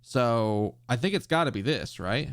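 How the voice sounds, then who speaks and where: A man's voice: mid-range voice, lively intonation, measured pace, no echo. A man giving casual game commentary, thinking aloud in a hesitant, questioning way. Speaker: gamer playing and reading aloud a visual novel.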